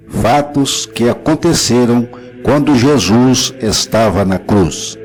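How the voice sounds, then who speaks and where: A man narrates a devotional reflection in a measured, solemn tone, reading scripture with care. His voice sits at an ordinary pitch, and he speaks unhurriedly. Faint music plays quietly behind him. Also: low-quality recording.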